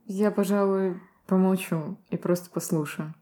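A woman co-hosting a podcast, calmly sharing reflections. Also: mid-range voice, unhurried. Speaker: podcast co-host. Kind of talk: podcast conversation.

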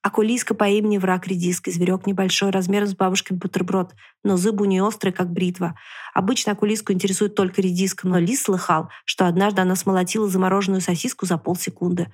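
A woman reading a children's story aloud on a podcast, with lively, expressive storytelling. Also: medium pitch, fast, breathy edge. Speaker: reader on a podcast.

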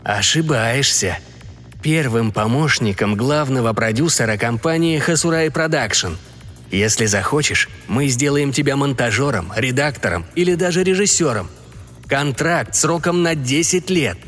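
A man's voice: mid-range voice, animated, a little slow, fairly bright tone. A man voicing a scheming young filmmaker who talks in a coaxing, theatrical, commanding way. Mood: persuasive. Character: smooth-talking scheming young male filmmaker. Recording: long reverb, faint music behind.

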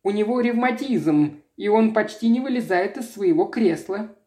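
A man's voice: sits high, lively intonation, moderate pace, dark tone, echoey room, pitched above the performer's own voice. A man voicing a young mother whose baby is missing, composed and matter-of-fact.

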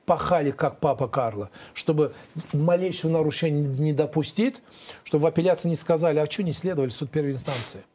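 A man's voice: fairly high pitch, fast talker, warm tone, breathy edge. A man, a former defense lawyer, answering interview questions in an emphatic, rambling, aggrieved way with many restarts.

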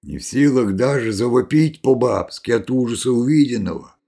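Gravelly man reading a story aloud. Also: medium pitch, moderate pace. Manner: expressive reading, voices the characters. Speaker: narrator.

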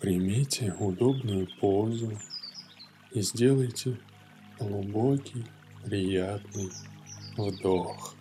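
Man, lowish voice, soothing yoga-teacher manner, very slow pace, guided meditation narration. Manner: unhurried, with long pauses between phrases. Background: soft music.

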